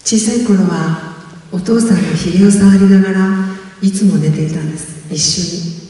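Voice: mid-range voice, normal speed. A lecturer, telling a life story to an audience and acting out the quoted voices. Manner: expressive storyteller, acts out quotes, drops to whispers. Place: large lecture hall. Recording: echoey hall, voice from far off.

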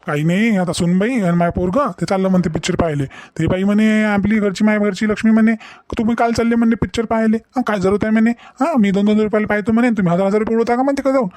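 A man's voice: sits high, steady tone, quick pace, a little mellow, no echo, natural voice. A man voicing an exasperated middle-aged village father in a cartoon. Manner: rambling, exasperated. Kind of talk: cartoon voice acting.

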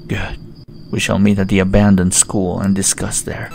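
A man voicing a stern, formal, mysterious male stranger in a horror game, with a slightly gravelly voice. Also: deep voice, completely flat delivery, moderate pace, a little mellow, slight background noise, pitched below the performer's own voice.

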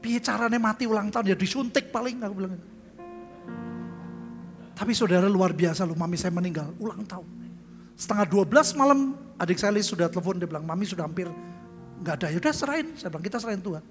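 High-voiced older man preaching in a hall. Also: fast talker. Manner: storytelling with acted-out dialogue, addresses crowd as saudara; bursts into loud high exclamations. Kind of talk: sermon testimony. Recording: long hall reverb with faint music.

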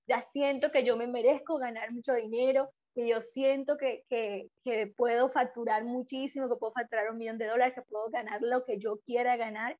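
A woman's voice: a little high, highs cut off. A Colombian woman with a Colombian Spanish accent giving an earnest personal testimonial, full of fillers and restarts. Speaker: program participant giving a testimonial.

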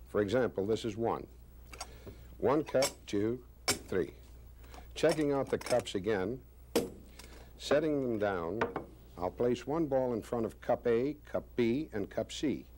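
A man in his sixties, a magician presenting a demonstration with deliberate, showman-like, wryly self-praising patter. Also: lowish voice. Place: small indoor studio stage with curtain. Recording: faint background noise.

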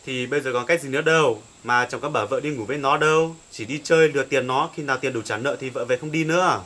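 A man's voice: mid-range voice, quick pace, sharp tone. A man playing a broke, scheming husband in a comedy sketch, coaxing and pleading. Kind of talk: amateur comedy sketch acting.

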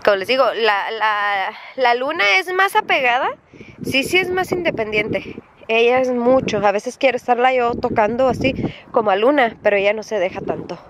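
A woman's voice: on the high side, animated, moderate pace. A woman, chatting casually to her viewers as she tours her rural family property and calls out to her dogs. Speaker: vlogger. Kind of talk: casual home vlog tour. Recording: noisy outdoor recording with animals and vehicles.

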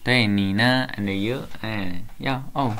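Woman chinese teacher on a video call, super low gravelly voice, slow and patient, faint hiss and typing behind. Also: fairly bright tone. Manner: patient, repeats words slowly, mixes Chinese and English, laughs often. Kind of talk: live online one-on-one Chinese lesson.

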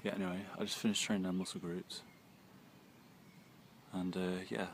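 Speaking at a normal speed with some vocal fry, this low-voiced man in his twenties vlogs about fitness from a wooded park. He's loose and talkative after exercising and breaks into laughter a lot. The audio comes from a close phone with an earphone mic, and birdsong and outdoor ambience sit faintly behind him.

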